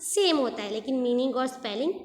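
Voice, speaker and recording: A woman's voice: sits high, lively intonation, brisk, a little mellow, echoey room, big-room sound. A woman teaching young pupils in a patient, repetitive way, spelling words out letter by letter. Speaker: school English teacher. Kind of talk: explaining homophones to young children.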